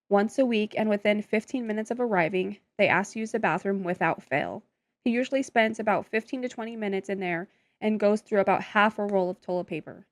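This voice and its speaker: A woman in the middle of the usual pitch range, co-hosting a casual podcast. She reads listener posts aloud and reacts with blunt, animated humor and easy swearing. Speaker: podcast co-host. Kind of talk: casual chat and reading stories aloud.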